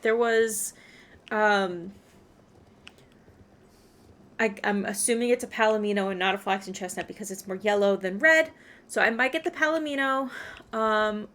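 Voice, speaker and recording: Bright, higher-pitched woman streaming a game. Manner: rambling, thinking aloud. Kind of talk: casual chatty game livestream commentary.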